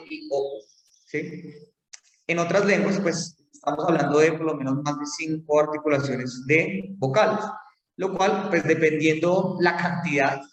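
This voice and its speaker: A man's voice: fairly high pitch, a bit bright. A man giving a phonetics lecture, explaining step by step with fillers and check-in questions. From Colombia. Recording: roomy hall, mic far off.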